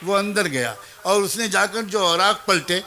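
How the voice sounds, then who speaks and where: Bright high-voiced male preacher. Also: a little hiss or hum. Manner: earnest, addresses mothers and youth directly; acts out the child, teacher and mother in the story. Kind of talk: storytelling sermon.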